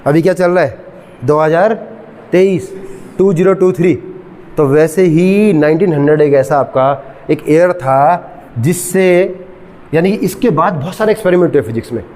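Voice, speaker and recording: A man's voice: on the high side, a little mellow. Middle-aged male physics teacher in a reverberant classroom. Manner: asks students frequent check questions, mixes English terms; slow dictation of English definitions. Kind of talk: classroom lecture.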